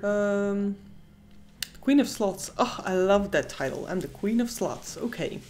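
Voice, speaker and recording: A young Dutch woman, speaking slightly slowly in a medium-pitched, animated voice with a darkish tone. She's from the Netherlands, has a Dutch accent and co-hosts a live casino stream: chatty commentary, reading viewers' messages aloud, reacting to the game and squealing at wins.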